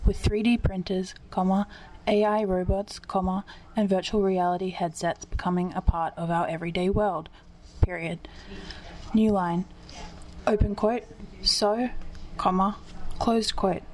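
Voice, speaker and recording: A woman's voice: medium pitch, low-quality recording. A woman reading an article aloud as dictation, carefully speaking each punctuation mark and line break. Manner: speaks punctuation marks aloud, even and deliberate.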